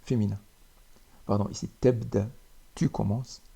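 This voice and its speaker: A man teaching a spoken language lesson, repeating each word slowly with pauses. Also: fairly low pitch, fairly even intonation, vocal fry, dark tone, husky.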